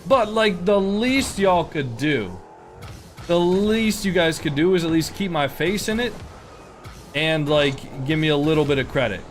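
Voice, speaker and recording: Young man, game streamer, loose filler-heavy chat, a touch high-pitched. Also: animated, measured pace, faint music behind. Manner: rambling, filler-heavy, indignant. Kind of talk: casual live-stream chat.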